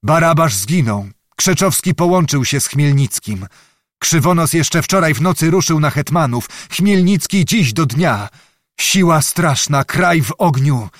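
Man doing a scared servant guy bringing bad news, high and jumpy, dry close sound. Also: animated, measured pace, no room sound. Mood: alarmed. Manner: urgent and alarmed, pitched high above the narration. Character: frightened male servant messenger, breathless and urgent.

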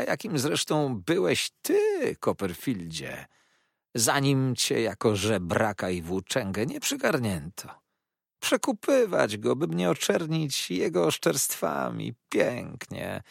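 A man voicing a sneering, venomous young male clerk who hisses his words in spite, in a storybook reading, with a husky voice in a dry recording. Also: no echo, full character voice. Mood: mocking. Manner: hissing, shrill, spiteful.

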